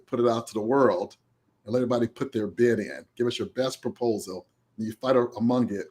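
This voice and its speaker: A man's voice: mid-range voice, a little mellow, slightly rough. A man in casual chat, wry and laid-back as he explains something.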